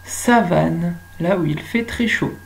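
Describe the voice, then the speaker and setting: A French woman teaching young children at home, speaking slowly and stretching out words so they can follow. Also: lowish voice, gravelly, a little hiss or hum, rough recording. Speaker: kindergarten teacher.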